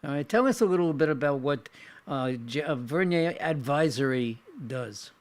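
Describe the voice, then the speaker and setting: A man's voice: fairly high pitch, expressive, moderate pace. A man with a New York accent hosting a business talk show, joking and often repeating his words. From the Bronx, New York. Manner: jokey, stumbles and repeats words. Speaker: show host. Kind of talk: casual interview chat.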